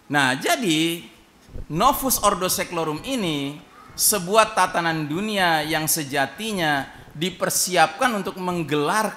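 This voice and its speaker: Bright-voiced man preaching in a mosque. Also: high-pitched. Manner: animated storytelling, acting out quoted voices; addresses listeners directly and often. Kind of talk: mosque sermon.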